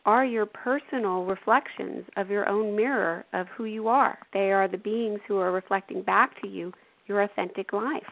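A woman hosting a spiritual self-help radio show, coaching gently with frequent "you know" and "right". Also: mid-range voice, vocal fry, dry recording. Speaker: radio show host and intuitive. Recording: tinny phone-like radio audio.

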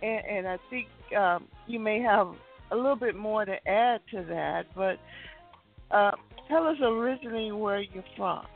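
A co-interviewer asking questions in a hesitant, halting way over the phone. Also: medium pitch, vocal fry, soft background music. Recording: tinny phone line.

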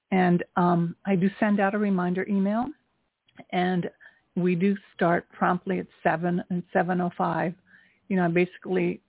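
A woman hosting a spiritual call-in show as an angel card reader, speaking in an encouraging, affirming way with a husky, gravelly voice. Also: lowish voice, no room sound. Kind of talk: spiritual reading with call-in segment. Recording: tinny phone-line sound, roomless and dry.

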